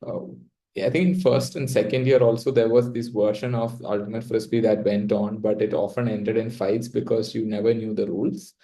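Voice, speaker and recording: A young man with a South Indian accent speaks in a fairly low, relaxed voice. His pitch stays within a narrow, even range as he talks casually and reflectively about himself, often pausing mid-sentence. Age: young adult. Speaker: interview guest. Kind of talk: reflective personal storytelling in casual talk.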